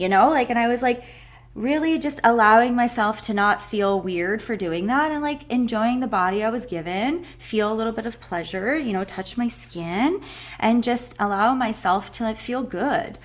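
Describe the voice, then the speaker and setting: Young woman, breathwork facilitator, effusive casual talk, lots of "like", video call. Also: mid-range voice. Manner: warm, effusive, many "like" fillers. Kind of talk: casual chat to a live online group.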